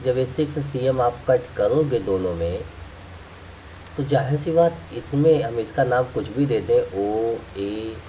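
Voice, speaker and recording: A man's voice: medium pitch, measured pace, dark tone, far from the mic, a little hiss or hum. A man teaching math, explaining step by step while drawing and repeating key points. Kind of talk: classroom explanation.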